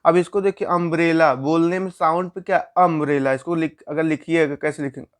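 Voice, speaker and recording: A man's voice: fairly high pitch, steady tone, brisk, clear, resonant tone. A man teaching a grammar lesson, explaining step by step and asking questions he answers himself.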